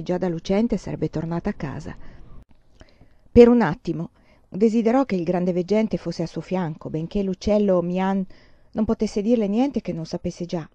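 A woman reading a novel aloud in a calm, measured way. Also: lowish voice, no echo, lo-fi sound. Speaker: reader.

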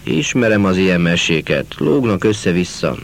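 A man's voice: deep voice, expressive, a little hiss or hum. A man voicing a stern, officious train conductor demanding tickets. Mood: curt. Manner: curt, officious.

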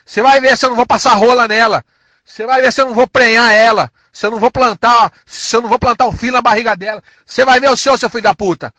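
A man's voice: very high-pitched, fairly even intonation, bright, forceful tone, dry recording. A man with a São Paulo accent delivering an angry, insulting, threatening rant full of repeated threats. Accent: São Paulo Portuguese. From São Paulo, Brazil. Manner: aggressive, insulting, repetitive, drawn-out threats.

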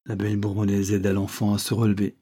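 Husky, dark-voiced male storyteller. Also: fairly low pitch, quick pace. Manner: steady storytelling. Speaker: audiobook reader. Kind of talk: scripted narration.

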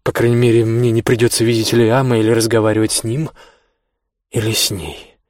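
A man's voice: mid-range voice, little pitch movement, brisk, a little mellow, no room sound. A man reading a first-person novel aloud as an audiobook, earnest and emotional. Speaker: audiobook reader. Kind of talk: scripted first-person narration.

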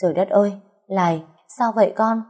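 A woman's voice: on the low side, a little fast, a little mellow, lightly acted. A woman with a Southern Vietnamese accent voicing a stern older mother-in-law who scolds. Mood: alarmed.

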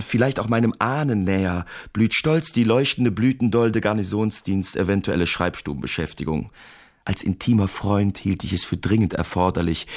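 Bitter, ironic letter-writing artist, gravelly low voice, radio drama. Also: male voice. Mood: weary gloom. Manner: mock-patriotic irony turning bitter. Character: sardonic lonely male artist writing wartime letters.

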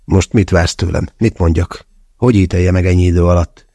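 A man's voice: low-pitched, steady tone, creaky, mellow, dry recording. A man voicing a coarse, skeptical man who grumbles curtly, in an audiobook. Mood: gruff. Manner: grumbling, curt.

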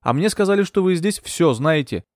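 A male narrator voicing a bold young woman bodyguard, brisk, stubborn and sharp-tongued. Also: a little high, lively intonation, dry recording, studio quality, voice pushed up, lightly acted.

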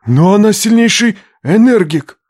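Woman doing a husky, drawling male nobleman. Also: medium pitch, expressive, a little slow, darkish tone, no echo, studio quality. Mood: insistent. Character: proud male dragon nobleman, insistent.

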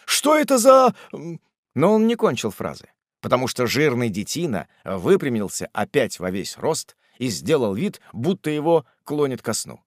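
Man, audiobook narration, classic novel, lively swooping delivery, dry sound. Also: medium pitch, normal speed, dry recording. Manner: animated, theatrical storytelling.

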